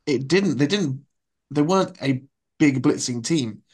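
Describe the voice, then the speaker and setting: A man's voice: medium pitch, expressive, a little slow, a little mellow, husky. A man hosting a casual sports podcast, laid-back and dry, often chuckling. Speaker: podcast host.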